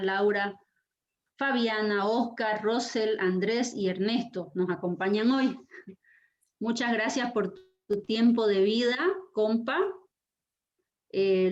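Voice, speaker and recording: A woman lecturer hosting an online class, speaking expressively and slowing down to stress her words. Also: mid-range voice. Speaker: university lecturer and session host. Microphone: video call microphone. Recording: dull lo-fi video call audio.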